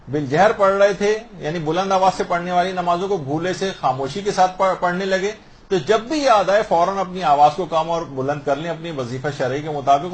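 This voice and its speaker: Pakistani-accented guy teaching prayer rules, asks a question then answers it, voice on the high side. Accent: Pakistani Urdu. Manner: explains through questions and answers. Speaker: religious scholar. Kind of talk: religious lesson on prayer rules.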